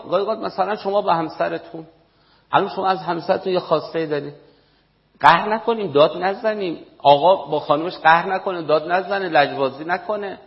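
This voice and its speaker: A man giving a lecture on parenting to an audience, stressing and repeating his key points. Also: mid-range voice. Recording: dull echoey hall recording.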